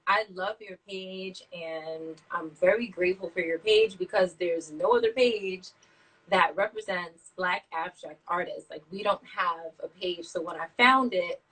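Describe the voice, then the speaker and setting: A woman's voice: on the low side, unhurried, a bit bright, distant mic, low-quality recording. A woman from Brooklyn, an abstract artist chatting casually in an interview, thinking aloud with frequent restarts. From Brooklyn, New York. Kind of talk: casual interview over a live stream.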